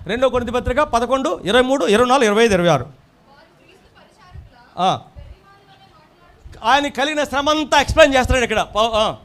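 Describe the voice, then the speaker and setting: High-voiced preacher, emphatic swells. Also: male voice, animated, fairly quick, pauses often. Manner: preaching with loud emphatic swells and repeated phrases. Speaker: pastor. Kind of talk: sermon.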